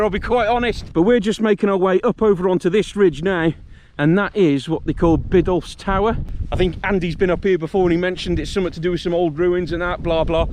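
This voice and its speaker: A man with a fairly high voice talks in a matey, jokey, sweary way, like a camping vlogger addressing his followers. He is out on a windy hillside, with clear wind and outdoor noise around his casual chat.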